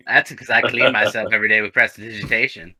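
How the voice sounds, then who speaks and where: Man with a very bright, sharp voice. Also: lowish voice, steady tone, fast, husky. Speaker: player. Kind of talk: casual tabletop play.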